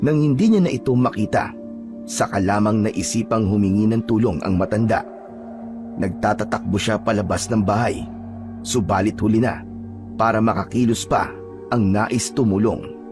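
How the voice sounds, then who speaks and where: Casting: low-pitched man reading a horror tale, measured and dramatic, soft music under him. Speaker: narrator. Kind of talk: scripted horror story narration.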